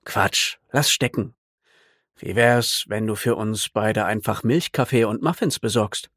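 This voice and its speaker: A man voicing an easygoing young guy, low and offhand. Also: a little slow, no echo, clean studio sound. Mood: dismissive. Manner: relaxed, offhand.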